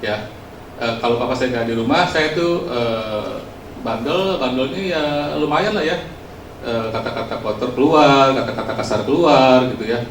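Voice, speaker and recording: A man's voice: medium pitch, moderate pace. A man giving a casual, storytelling sermon to a youth congregation, chatty and self-mocking with lots of filler words, recorded in a church hall. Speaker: youth preacher. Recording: roomy, distant mic, faint noise.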